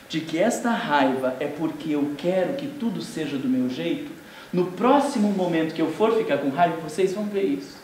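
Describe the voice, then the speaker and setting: A man with a Brazilian accent giving a lively seminar talk as a spiritist lecturer, acting out everyday scenes. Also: a little high. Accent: Brazilian Portuguese. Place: indoor seminar room. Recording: very echoey room from far off, faint noise.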